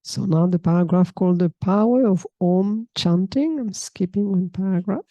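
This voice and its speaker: A woman, teaching a calm, reflective spiritual talk and often checking in with a soft hmm. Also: lowish voice, normal speed, dry recording, highs cut off. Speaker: yoga teacher. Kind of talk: spiritual talk reading and explaining a text.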